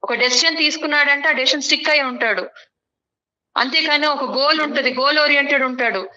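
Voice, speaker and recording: Brief: young woman, high bright voice, firm and lecturing, dull mic. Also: a little fast. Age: young adult. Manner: firm, lecturing, defends her choices. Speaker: guest on a relationship talk show.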